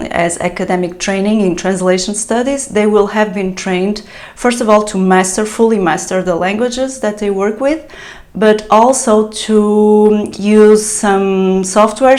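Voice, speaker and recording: In a relaxed talking-to-camera vlog, a woman who works as a translator shares business advice, frequently restarting and filling pauses. European Portuguese is her native language, and her voice has a medium pitch and a darkish tone.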